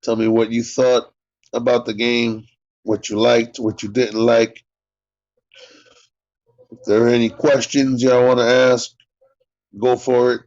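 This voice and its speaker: A man's voice: mid-range voice, level tone, unhurried, pauses often, darkish tone. A man co-hosting a live sports talk stream. He chats casually and jokes sarcastically while he talks to the viewers in the chat. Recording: dull lo-fi stream audio.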